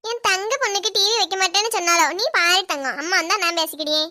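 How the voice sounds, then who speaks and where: A woman's voice: very high-pitched, fast, bright, forceful tone. A woman voicing a doting, scolding old grandmother in a cartoon. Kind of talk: cartoon voice acting.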